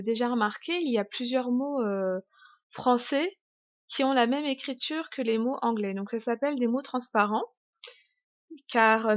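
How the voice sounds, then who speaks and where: A woman teaching an online lesson, chatty and full of fillers and restarts, slowly exaggerating the stress on example words. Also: on the high side, no echo, highs cut off. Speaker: English teacher. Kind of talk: YouTube pronunciation lesson.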